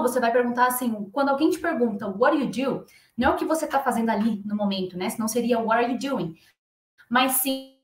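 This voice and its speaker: Brazilian lady english teacher, high voice, chatty, keeps checking in, roomy echo. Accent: Brazilian Portuguese. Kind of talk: explaining English to Brazilian learners.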